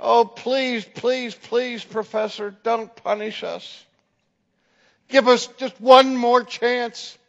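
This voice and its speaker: A man voicing a group of pleading college freshmen, begging in high, whining voices. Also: steady tone, slow, vocal fry, full character voice. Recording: long hall reverb, dull lo-fi 2007 audio.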